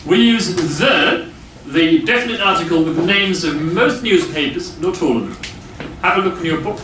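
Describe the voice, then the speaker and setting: A man teaching English grammar to a class, explaining slowly with many pauses and fillers. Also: high-pitched, lively intonation, fairly bright tone, slight background noise. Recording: echoey classroom from far off.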